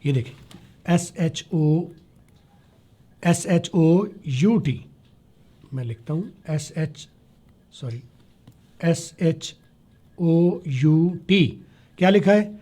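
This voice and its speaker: A man teaching spoken English to a class, spelling words letter by letter, slowing down to model sounds and checking that students follow. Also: a little high, dark tone. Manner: slows down to demonstrate pronunciation. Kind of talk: classroom lecture.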